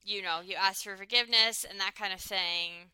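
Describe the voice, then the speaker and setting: A young woman with a bright, crisp voice talks through a reality show in casual podcast chat. She gets fired up and acts out what people said. The sound is dry and close. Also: medium pitch, fairly even intonation, brisk, no room sound. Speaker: podcast co-host.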